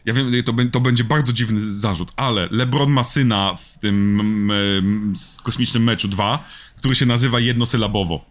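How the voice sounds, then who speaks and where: A man co-hosting a podcast, chatting casually and playfully about a film, rambling and jokingly shouting out names. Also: fairly low pitch, normal speed. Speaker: podcast co-host. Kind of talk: casual film-review chat.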